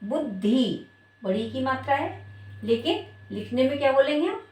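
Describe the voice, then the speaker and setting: Woman teacher, fairly high voice, explains step by step, asks and answers herself, echoey room, distant mic. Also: expressive, a little fast, a little mellow. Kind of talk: spelling lesson.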